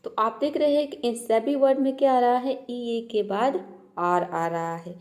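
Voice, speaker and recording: A woman's voice: a little high, measured pace, darkish tone. A woman teaching a pronunciation lesson, explaining step by step and repeating each example patiently. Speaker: English teacher.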